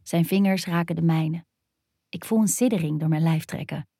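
A woman narrating a first-person erotic story in an intimate, hushed and dreamy way. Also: sits low, moderate pace, slightly rough, no room sound, clean studio sound.

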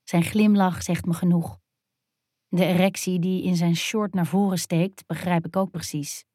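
Woman softly narrating an erotic story. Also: on the low side, steady tone, a little slow, no room sound, studio quality.

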